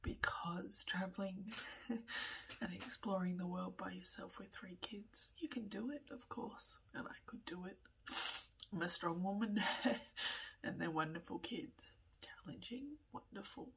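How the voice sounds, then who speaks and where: A woman in her thirties, tearful with a running nose, talking candidly in a personal vlog, often in a breathy whisper and pausing as she goes. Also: medium pitch, fairly bright tone. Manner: slow, halting, candid, with small laughs. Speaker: vlogger.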